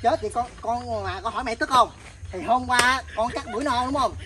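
Mekong Delta woman for a comedy skit: argumentative and stubborn, quick and a bit high, outdoors with clear noise behind. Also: bright, forceful tone. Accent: Southern Vietnamese, Mekong Delta. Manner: defiant, argumentative, stammering restarts. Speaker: comedy skit actor playing a stubborn grown child. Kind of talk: comic family skit. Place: outdoors in a fruit orchard.

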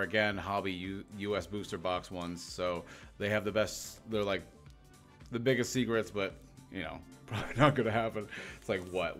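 A young man hosting a casual card pack-opening video, rambling and joking to himself and the cards, with loud bursts of excitement at big pulls. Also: lowish voice. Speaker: YouTube host opening card packs.

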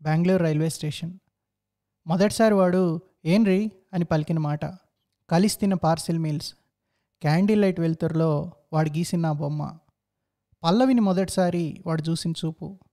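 A man reading out a first-person story and lingering over his own thoughts as he goes. His voice is warm and mellow, with a soft, rounded edge. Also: a little high, moderate pace, pauses often. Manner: reflective, introspective. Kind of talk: story narration.

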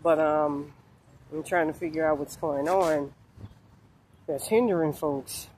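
A vlogger in her forties rambles about spiritual matters on a sunny street, speaking haltingly with many fillers and curses in a deep, steady, slightly mellow voice. She films on a phone held low at arm's length, and the rough recording picks up faint traffic and passing cars.

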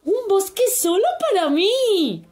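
A woman's voice: high voice, very animated, slow, darkish tone, roomy sound, voice pushed up, full character voice. A woman from voicing a defiant, bossy little boy in a storybook reading. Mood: delighted. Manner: bossy, spirited. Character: defiant little boy who becomes king of the monsters.

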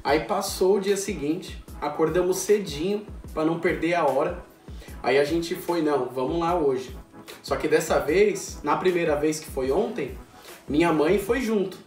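A Brazilian man in his twenties telling a self-mocking anecdote in a casual, animated way, full of slang. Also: fairly high pitch, normal speed. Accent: Brazilian Portuguese. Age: 20s. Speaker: vlogger. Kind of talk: casual storytelling. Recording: roomy echo, distant mic, faint music.

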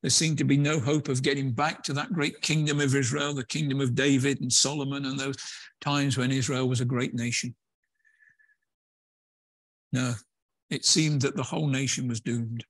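Husky-voiced man preaching a sermon. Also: medium pitch, little pitch movement, moderate pace, long pauses, no echo. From England. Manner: conversational, with hesitant fillers and restarts. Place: church.

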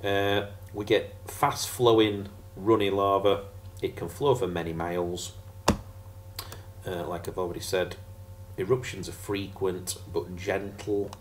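A man's voice: low voice, steady tone, a little slow, slight background noise. A man teaching a casual geography revision lesson over slides, chatty and jokey with sarcastic asides.

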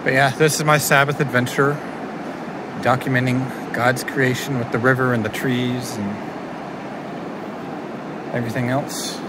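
A man's voice: medium pitch, flat delivery, unhurried, long pauses, heavy background noise. A man casually narrating a vlog from a kayak on a river, rambling with restarts and fillers. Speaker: vlogger. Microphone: handheld camera.

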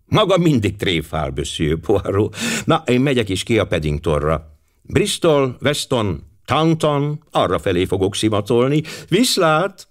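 A man's voice: medium pitch, big pitch swings, natural voice. A bluff, eager police inspector, as a male reader voices him in a storybook reading. He talks heartily, his voice jumping up and down with energy. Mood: hearty.

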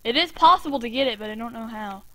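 Excitable high-voiced young woman gaming. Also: quick pace. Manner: excitable, frequent yelps and laughs. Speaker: gamer host. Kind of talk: casual game commentary.

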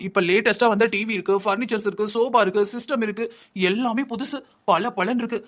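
An envious young wife in a cartoon drama, as a man puts her on, nagging and whining without a pause. The voice sits high and the words tumble out fast. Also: fairly bright tone. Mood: complaining. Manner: nagging, whining, quick and insistent. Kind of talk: Tamil cartoon voice acting.

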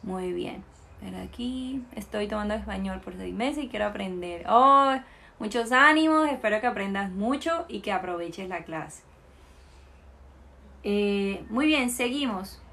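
Slow, careful Colombian woman teaching. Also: medium pitch, animated, vocal fry, sharp tone. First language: Spanish. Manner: slow, repeats words for students to copy. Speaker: Spanish teacher. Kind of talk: live online language lesson.

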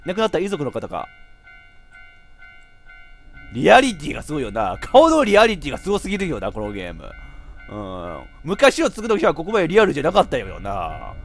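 A man with a high voice gives a joking let's-play of a horror game, teasing what he sees on screen. His pitch jumps around wildly, and he often breaks into sudden shouts. Faint game music plays under his voice. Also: huge pitch swings, a little fast, pauses often. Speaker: VTuber game streamer.

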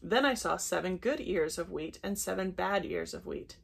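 A woman reading as a husky, creaky-voiced storybook king. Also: fairly low pitch, lively intonation, moderate pace, exaggerated voice. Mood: puzzled. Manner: reads the king's lines plainly, near her own voice. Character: Egyptian king, grown man, commanding.

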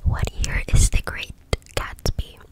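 An ASMR reader speaks entirely in a cupped-hand whisper. The voice is unvoiced and very close to the microphone, reading out short questions and facts. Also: takes it slowly. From Cambodia. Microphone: very close to the mic, hands cupped.

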